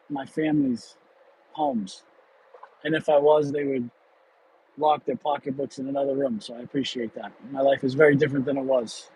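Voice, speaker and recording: This is a man in his late thirties doing a spontaneous livestream while he drives through traffic. His medium-pitched voice is mellow, the recording quality is low, and his casual, candid talk rambles with fillers and false starts.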